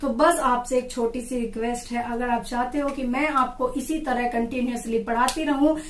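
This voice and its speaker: A woman's voice: fairly high pitch, fairly even intonation, normal speed, roomy sound, recorded from a distance, rough recording. A young adult woman teaching an online biology lesson for exam prep. She repeats terms and drills their pronunciation through question-and-answer prompts.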